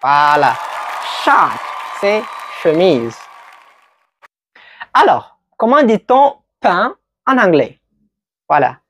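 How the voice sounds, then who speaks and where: Slow, patient woman teaching vocabulary. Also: on the low side, very animated, a bit bright, husky, dry recording, a faint crowd. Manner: slow, patient, repeats words for learners. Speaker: English teacher. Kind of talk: slow vocabulary quiz lesson.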